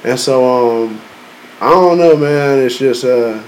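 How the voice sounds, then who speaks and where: A man's voice: mid-range voice, slow pace, poor audio. A man chatting casually in slangy frat-bro style, peppering his talk with "bro" and "man" and repeating phrases for emphasis. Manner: repeats phrases for emphasis, heavy "you know what I'm saying". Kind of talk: casual chat among male friends. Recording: steady background noise.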